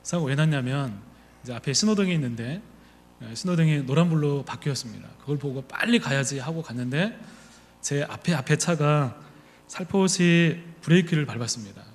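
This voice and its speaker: A male pastor delivers a sermon in a slightly high voice. He tells stories and voices his own inner thoughts along the way. A long reverb hangs on his words, as in a church hall. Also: lively intonation, brisk. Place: church sanctuary.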